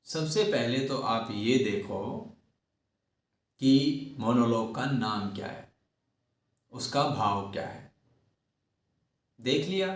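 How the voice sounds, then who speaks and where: A man teaching acting who talks slowly and emphatically and repeats his key words. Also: mid-range voice. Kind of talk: acting lesson talk. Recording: echoey room, far from mic.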